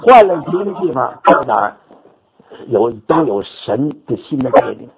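Older man, preacher, sermon storytelling, animated, repetitive phrasing, lively pitch. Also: a little slow, gravelly, a loud crowd. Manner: animated, repetitive storytelling with sudden high exclamations. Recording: dull lo-fi recording with audience noise.

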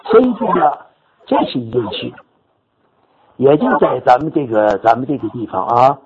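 Older man, preacher, sermon storytelling, animated, repetitive phrasing, lively pitch. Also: moderate pace. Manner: animated, repetitive storytelling with sudden high exclamations. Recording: dull lo-fi recording with audience noise.

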